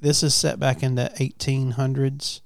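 Gravelly man, casual chat. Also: medium pitch, level tone, normal speed. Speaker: podcast host. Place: at a family farm.

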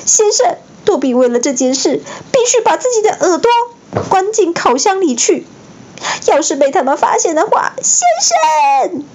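A woman voicing a tearful, servile male house-elf with a shrill, squeaky voice, in a bedtime storybook reading. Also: big pitch swings, normal speed, darkish tone, muffled recording. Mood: anxious. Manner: wailing, overly deferential.

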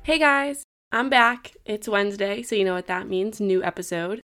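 A woman's voice: medium pitch, normal speed, fairly bright tone, soft background music. A young woman hosting a podcast, chatting casually in a rambling way with many "like"s. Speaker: podcast host. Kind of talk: casual chat.

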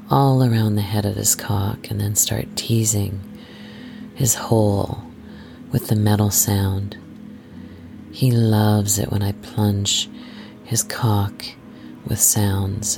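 A storyteller hosting an adult story series in a soft, intimate, scripted first-person narration, hushed and measured, slipping into breathy whispers. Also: mid-range voice. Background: music.

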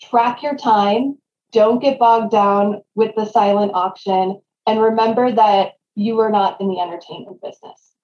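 A woman's voice: medium pitch, steady tone, measured pace, a little hiss or hum. A woman speaking as a consultant guest in a conversational podcast interview, on a roomy, slightly dull recording.

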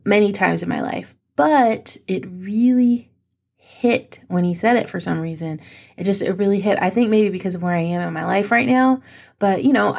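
A woman's voice: lowish voice, creaky, a little mellow. A young adult woman hosting her own podcast, chatty and playful with a self-mocking streak, a little teary. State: teary, emotional. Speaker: podcast host. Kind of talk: casual solo podcast chat.

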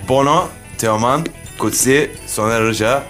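A man's voice: medium pitch, a little slow, fairly bright tone, soft background music. A man hosting a casual podcast, playfully announcing mock awards in a studio. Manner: playful, mock-ceremonial, laughs often. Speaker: podcast host. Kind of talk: casual chat, reading out award nominees.

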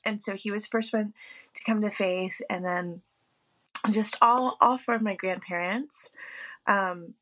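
A woman's voice: medium pitch, steady tone, measured pace, fairly bright tone. A woman in her forties, a podcast guest, telling her family history in a friendly, easygoing way. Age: 40s. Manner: friendly, laughs easily. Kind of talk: casual conversation.

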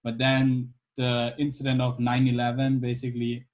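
A man's voice: mid-range voice, monotone. Young man in his twenties, from Iran, interview guest, easygoing and reflective, dull lo-fi audio. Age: 20s. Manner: easygoing, thoughtful, many pauses and fillers. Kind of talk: casual interview.

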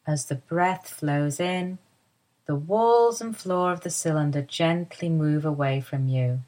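A woman with a low voice leads a slow, calm body-awareness session. Her delivery is soft and soothing, unhurried from line to line. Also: rough recording. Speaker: movement teacher guiding a lie-down. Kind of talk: guided body-awareness instruction.

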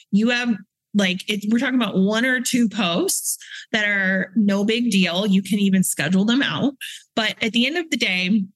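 Woman, guest coach, casual interview, advice-giving, fillers, mid pitch, dry. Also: no room sound, low-quality recording. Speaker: guest, online community coach.

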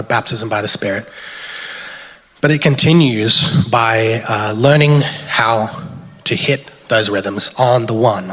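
A man's voice: on the low side, a bit bright, slightly rough. Man preaching in a reverberant hall. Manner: loose and conversational, asks "right?" often. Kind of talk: live sermon with closing prayer. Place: church hall. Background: keyboard music playing behind.

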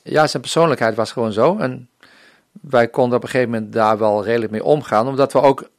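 A man's voice: mid-range voice, fast, no room sound, clean studio sound. A man from the Netherlands, a missionary, telling his personal faith testimony in an interview. He speaks earnestly and often acts out remembered dialogue. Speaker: missionary guest.

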